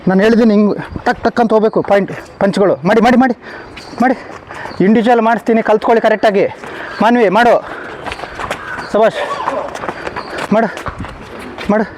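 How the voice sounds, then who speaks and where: A high-pitched male coach drills a children's boxing class outdoors, counting out reps and snapping short orders. He praises and scolds the kids in the same blunt, clipped way. Steady outdoor noise sits behind his voice. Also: brisk, pauses often. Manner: barks commands and counts reps. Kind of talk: live training class. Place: outdoor training ground. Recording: noisy outdoor recording.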